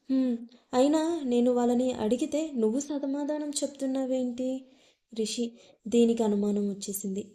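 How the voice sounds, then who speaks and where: A young woman storyteller with a slightly high, mellow voice reads a serialized love story aloud. She names each character before their line and gives the dialogue only light shifts. Her delivery stays soft and even throughout.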